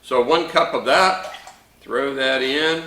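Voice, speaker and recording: A man's voice: mid-range voice, slow pace, pushed and bright, roomy sound, far from the mic, rough recording. A man hosting a home bar show, walking through a drink recipe in a folksy, chatty way with playful pirate slang. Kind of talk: casual drink-making tutorial.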